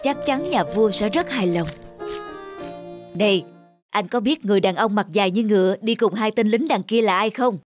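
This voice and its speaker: With a mid-range voice and moderate pace, a woman narrates a cartoon folk tale and plays all its characters. The expressive voice acting is accompanied by music.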